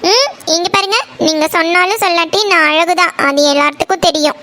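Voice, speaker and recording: A woman's voice: extremely high pitch, brisk, bright, forceful tone. Meena, a snappish young cartoon college girl voiced by a woman. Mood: scornful. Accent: Kongu Tamil (Coimbatore). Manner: snappish, scolding, dismissive. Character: sharp-tongued young college woman, quick to anger. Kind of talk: cartoon voice acting.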